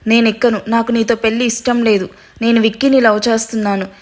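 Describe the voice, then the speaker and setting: Defiant, accusing young woman, read by a woman storyteller, high and even. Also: quick pace, natural voice. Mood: furious.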